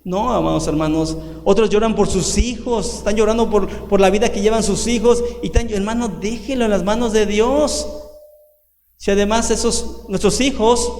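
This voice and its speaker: High-voiced pastor preaching in an echoey hall. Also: male voice, a little mellow. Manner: preaching with sudden slowdowns and rhetorical questions. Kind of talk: sermon. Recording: echoey hall with long reverb.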